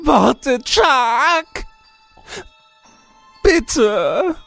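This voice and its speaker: A creepy male stranger shrieks and begs from down the corridor in a storybook horror reading. His voice jumps very high and swings wildly, with a husky, gravelly edge, and sounds distant. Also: big pitch swings, drawn-out words, a little mellow, faint music behind, exaggerated voice. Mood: pleading. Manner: shrill calls, laughing, then whining and crying. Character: laughing, pleading male stranger stalking the narrator.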